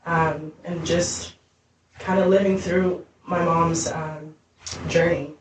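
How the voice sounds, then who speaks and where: A woman guest on a podcast speaks in a low voice, reflective and hesitant, with plenty of fillers. She is far from the mic. Heavy room echo and a faint background hiss surround her. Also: flat delivery, slow. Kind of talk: casual chat.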